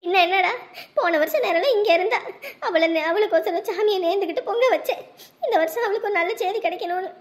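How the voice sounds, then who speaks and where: Woman, very high voice, emotional and scolding, drama mother. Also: fast. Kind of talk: scripted village family drama.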